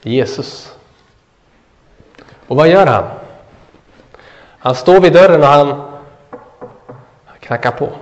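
Male preacher, slightly high voice, muffled recording with long hall reverb, talks in questions and answers. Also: expressive, pauses often. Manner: asks the listeners questions and answers them. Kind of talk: sermon. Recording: dull sound with a long hall echo.

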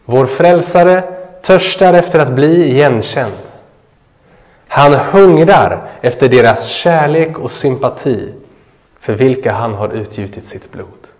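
A man preaching a sermon. He asks the listeners questions, answers them himself, and lets his voice drop low and soft at the ends of phrases. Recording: dull sound with a long hall echo.

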